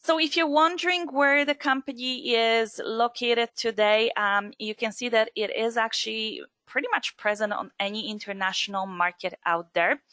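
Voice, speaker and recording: A woman's voice: fairly high pitch, moderate pace, hardly any pauses, bright, forceful tone, no room sound. A woman from Poland presenting a skincare webinar in a chatty way, with many fillers and asides.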